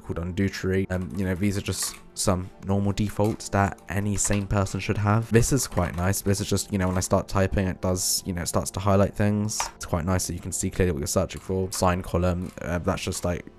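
Brief: young male tech YouTuber, low voice, rapid chatty walkthrough with fillers. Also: a little mellow. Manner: quick, chatty, with fillers and self-corrections. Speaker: programming YouTuber. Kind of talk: casual screen-recorded walkthrough.

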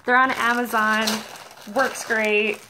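A woman's voice: fairly high pitch, takes it slowly, noisy background. A young American woman chatting casually to camera in a rambling review, peppering her story with filler likes. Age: young adult. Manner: rambling, animated storytelling with frequent "like". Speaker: vlogger reviewing a product. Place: carpeted living room at home.

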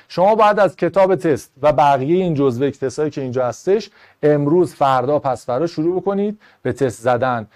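A man teaching an online Arabic grammar class in Persian, going briskly through test answers and rules, step by step. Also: a little high. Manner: brisk, explaining step by step to students.

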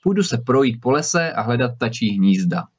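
A man's voice: medium pitch, big pitch swings, husky. A man voicing a bold, clever young male student who answers fearlessly in a storybook reading. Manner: fearless, quick-witted. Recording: slightly dull recording.

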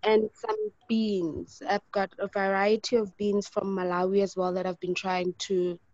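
A woman's voice: medium pitch, flat delivery, unhurried, darkish tone, muffled recording. A woman joining an online workshop as a participant, polite and eager, a little hesitant. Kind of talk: casual chat on a video call.

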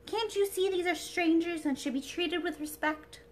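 A woman's voice: extremely high pitch, moderate pace, voice pushed up. A woman reading a storybook aloud, voicing a timid, dainty china doll princess in a frightened little voice. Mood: prim. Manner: fearful, delicate and prim.

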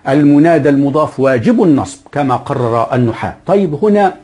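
A man with an Egyptian Arabic accent teaching a grammar lesson, asking his own questions and then answering them, and slowing down to spell out example phrases. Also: on the high side, animated, darkish tone, breathy edge.

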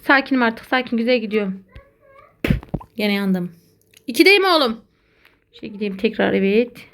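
A woman giving casual, excitable commentary while playing a video game, talking to her viewers as friends. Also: on the high side, normal speed, noisy background. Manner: excitable, chatty, addresses viewers as buddies. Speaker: gaming content creator.

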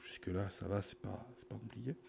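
Low, creaky man coding, cheap USB mic. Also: steady tone, darkish tone, slight background noise. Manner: halting, muttering to himself while working. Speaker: programmer giving a live coding demonstration. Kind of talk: casual, improvised coding commentary. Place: small indoor room at a computer. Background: computer keyboard typing.

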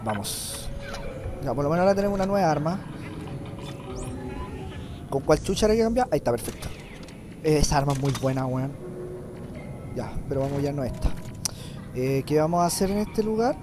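A young man with a Chilean accent commenting on a game playthrough, nasal from a cold, joking crudely and breaking into loud swearing yells. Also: a little high, expressive, fairly quick, long pauses. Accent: Chilean Spanish. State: has a cold, slightly nasal. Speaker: gameplay commentator. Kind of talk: casual let's-play commentary. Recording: game music playing behind.

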